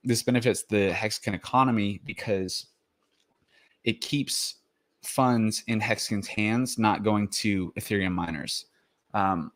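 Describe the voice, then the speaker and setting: A man with a fairly low voice walks through his slides in a loose, rambling way. He is slightly out of breath and leans on fillers and restarts as he explains. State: out of breath after the gym. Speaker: crypto video host. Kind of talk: casual explainer presentation.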